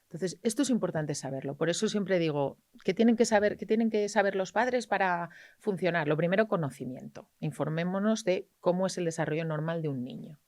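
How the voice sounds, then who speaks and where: A middle-aged woman, a pediatrician explaining things in an interview, lively and quick to act out parents and children. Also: lowish voice, dry recording, studio quality. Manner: animated, acts out parents and children in quoted voices. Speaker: pediatrician guest. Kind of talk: interview conversation.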